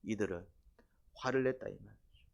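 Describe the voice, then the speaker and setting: A man's voice: normal speed, gravelly. Emphatic male pastor preaching a sermon. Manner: emphatic, asks many rhetorical questions, repeats phrases; swings between loud exhortation and low, quiet asides. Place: church evening prayer service.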